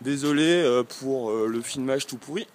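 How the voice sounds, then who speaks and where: Walking through a village street, a Frenchman who makes travel vlogs talks loosely to the handheld camera he carries. He speaks at medium pitch and normal speed, rambling and often hesitating, with a little background noise in the clip.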